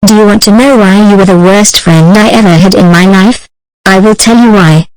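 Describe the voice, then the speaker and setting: A woman's voice: mid-range voice, normal speed, darkish tone, no echo, close to an everyday voice, poor audio. Woman voicing a stiff plant-eating cartoon dinosaur, dry sound. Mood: scolding. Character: female plant-eating dinosaur, children's show character. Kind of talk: scripted cartoon dialogue.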